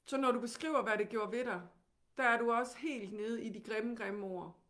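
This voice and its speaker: A woman with a Danish accent teaches in a fairly high voice, guiding her listeners calmly and gently through lots of questions.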